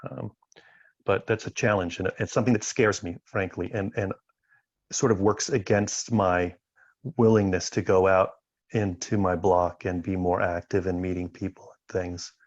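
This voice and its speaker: A man sharing his thoughts in a group discussion, hesitant and halting, with many restarts. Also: deep voice, steady tone, no room sound. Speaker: conference participant. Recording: dull lo-fi online call audio.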